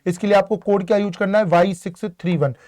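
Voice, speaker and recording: A male teacher, giving an online exam-prep lesson, drilling each word with repeated questions and drawing words out slowly. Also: high-pitched, steady tone, a little mellow. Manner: draws out words slowly for emphasis. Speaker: Hindi teacher.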